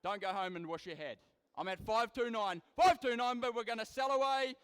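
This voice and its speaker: A man's voice: very high voice, fairly quick, clear, resonant tone, in a large hall. A young man working as a livestock auctioneer, rattling out bids in a repetitive, rhythmic chant of numbers. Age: young adult. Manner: repetitive, rhythmic number patter, forceful calls to bidders. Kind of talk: livestock auctioneer's rapid chanting bid-calling.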